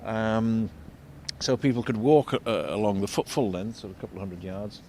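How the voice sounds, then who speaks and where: An older man, an architect acting as a local guide, offers unscripted commentary out in a shopping street, rambling and explaining as he halts and repeats words. His voice is darkish with fairly even intonation. Vehicle rumble and street noise fill the background, with faint traffic rumbling throughout.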